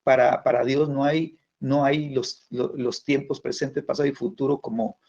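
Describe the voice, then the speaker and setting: A man preaching a sermon in a halting way, full of fillers and tag questions. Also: medium pitch, fairly even intonation, gravelly, a little mellow. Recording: dull lo-fi sound.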